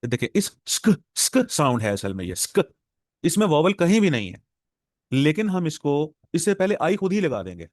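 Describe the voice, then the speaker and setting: A man's voice: on the high side, big pitch swings, no echo, studio quality. Pakistani man teaching a class. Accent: Pakistani Urdu. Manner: explanatory, repeats words slowly to drill pronunciation. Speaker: English professor lecturing exam aspirants. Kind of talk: classroom lecture.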